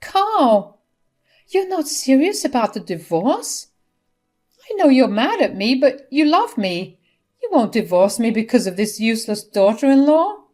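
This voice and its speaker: Woman voicing a desperate scheming mother-in-law, shrill and loud. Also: sing-song, measured pace, heavily acted. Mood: pleading. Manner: shrill, pleading, frantic.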